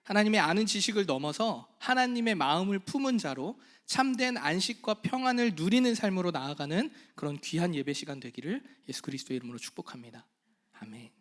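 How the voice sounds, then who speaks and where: A male pastor preaching a sermon, asking the congregation questions and answering them himself, moving between soft half-whispered phrases and loud, slow emphasis. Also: sits high, lively intonation. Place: church hall.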